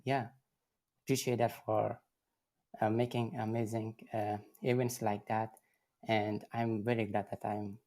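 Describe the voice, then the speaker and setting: A man's voice: on the low side, darkish tone. A young man from Afghanistan, a recent civil engineering graduate, speaking hesitantly in simple phrasing in a casual online chat. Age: young adult. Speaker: community member. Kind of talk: casual chat on an audio room.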